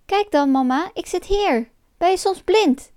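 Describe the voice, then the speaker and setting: A woman voicing a tiny, clever boy born from a chickpea in a told folk tale, with a high piping child's voice. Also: lively intonation, a little slow, darkish tone, no room sound, studio quality. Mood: cheeky.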